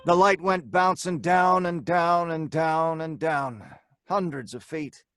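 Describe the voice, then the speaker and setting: An actor voices a brash, mocking crook narrating his own story in the slangy, hard-boiled tough talk of old-time radio drama, the mood tense. His male voice is fairly high, bright, and steady, delivered slowly over soft background music.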